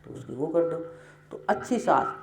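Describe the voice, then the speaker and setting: A woman's voice: sits low, lively intonation, normal speed, noisy background. A woman giving a devotional sermon, telling homely stories in an earnest, folksy way. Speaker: satsang preacher. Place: ashram hall. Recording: roomy hall echo.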